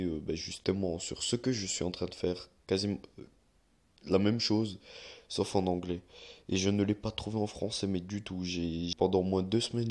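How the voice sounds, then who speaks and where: Low-voiced young man rambling through a tutorial. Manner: rambling, many fillers and self-corrections. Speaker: YouTuber giving a tutorial. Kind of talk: casual screen-recorded tutorial.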